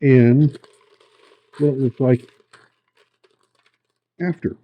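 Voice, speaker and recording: A man giving a folksy, unhurried hands-on demonstration, thinking aloud, his voice muffled by a camera microphone. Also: medium pitch. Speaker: host of a rock tumbling hobby channel. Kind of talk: casual hands-on demonstration talk. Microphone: camera's built-in microphone.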